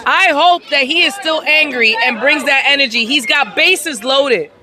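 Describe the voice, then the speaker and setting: A woman calling a softball game play by play from outdoors at the field, excitable and hyping each play with shouts. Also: sits high, normal speed, a crowd in the background. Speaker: play-by-play commentator. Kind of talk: amateur sports commentary.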